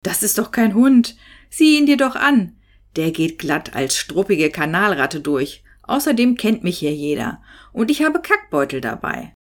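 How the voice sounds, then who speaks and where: A woman's voice: medium pitch, big pitch swings, a little slow. A woman voicing an old limping male fisherman who jokes brashly in an audiobook. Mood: joking. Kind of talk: audiobook character voice.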